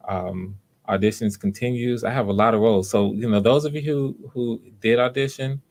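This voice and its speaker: Hosting a livestreamed audition as its casting director, a man speaks casually and low-key, halting and repeating words. His tone is darkish.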